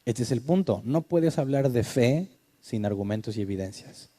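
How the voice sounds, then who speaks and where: A man's voice: medium pitch, animated, moderate pace, warm tone. A male pastor, teaching a sermon conversationally and asking his listeners questions. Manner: conversational, asks the audience questions.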